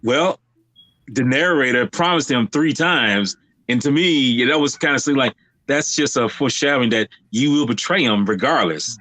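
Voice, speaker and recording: Man, casual film chat, bright tense voice, dry close sound, rambling with fillers. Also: mid-range voice, moderate pace, no echo, low-quality recording. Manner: rambling, many fillers and restarts. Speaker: podcast co-host.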